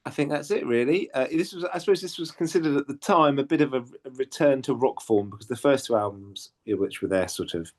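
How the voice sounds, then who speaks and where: A man's voice: mid-range voice, fairly quick, few pauses. A man hosting a casual podcast chat, hesitant, with lots of ums and self-corrections. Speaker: podcast host.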